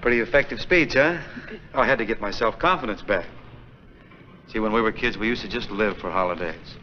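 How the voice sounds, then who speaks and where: An actor playing a breezy, good-humored young priest from Missouri, joking in a relaxed, teasing way in a 1940s film. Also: male voice, lowish voice, a little fast, close to an everyday voice. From Missouri, United States. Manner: easygoing, jovial, gently teasing. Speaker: parish priest. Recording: muffled, hissy 1940s film soundtrack.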